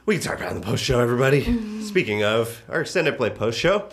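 A man's voice: medium pitch, big pitch swings, fast. A man hosting a podcast, chatting casually with laughs and lots of fillers. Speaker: podcast host. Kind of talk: casual chat.

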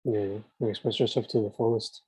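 A man's voice: lowish voice, steady tone, normal speed, darkish tone, slightly rough, dry recording. A man hosting a casual podcast interview, switching freely between two languages in mid-sentence. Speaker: podcast host.

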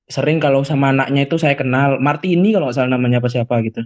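A mid-pitched man speaking with a tinge, bantering playfully in an improvised comedy skit. He drops sly innuendo and teasing questions, in a loose, joking delivery. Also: rapid-fire, a little mellow.

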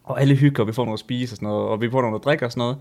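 Young male co-host, animated storyteller, laughs a lot, casual swearing. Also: medium pitch. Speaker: podcast co-host. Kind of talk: casual chat.

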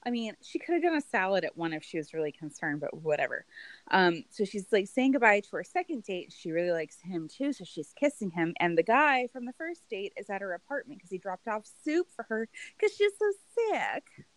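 Woman, casual podcast chat, animated and giggly, dry close sound. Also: mid-range voice, brisk, no room sound. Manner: animated, giggly storytelling with swearing. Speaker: podcast co-host. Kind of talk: casual chat recapping a TV show.

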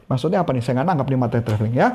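Male NLP coach, animated live-stream teacher, lively intonation, frequent laughs. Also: mid-range voice, rapid-fire, husky. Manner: animated, laughs often, talks to chat viewers.

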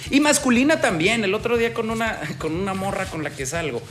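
Vato mexicano joven contando su historia bien animado, voz alta que sube y baja, música suavecita atrás. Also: male voice, sits high, lively intonation, brisk. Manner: slangy, streetwise, addresses listener as buddy. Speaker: dating advice host. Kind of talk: casual storytelling monologue.

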